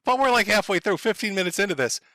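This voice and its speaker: A man's voice: high-pitched, lively intonation, fast, sharp tone, no echo. A man hosting a livestream, commenting to his chat in a blunt, profane, sardonic way. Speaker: stream host.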